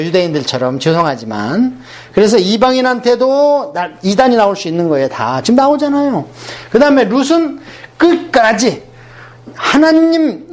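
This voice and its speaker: Male Bible lecturer, high and lively voice, punchy colloquial delivery. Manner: colloquial, emphatic, acts out quoted speech. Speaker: Bible teacher.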